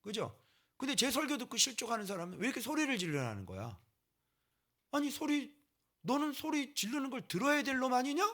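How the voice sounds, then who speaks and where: A pastor preaching a sermon, emphatic and scolding, often checking that the congregation agrees. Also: male voice, very high voice, wildly swooping pitch, fairly quick, fairly bright tone.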